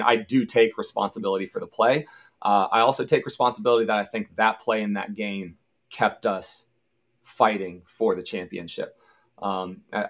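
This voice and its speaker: Man, thirties, lowish voice, easygoing storyteller, interview guest. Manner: easygoing, anecdotal, acts out quoted shouts. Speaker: guest, former college football punter.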